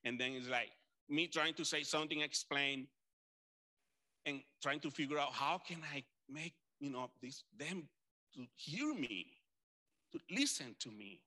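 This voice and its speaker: A pastor from Colombia's Caribbean coast, with a Colombian accent, preaches a conversational sermon full of animated storytelling, restarts, and asides. His voice is on the high side and unhurried.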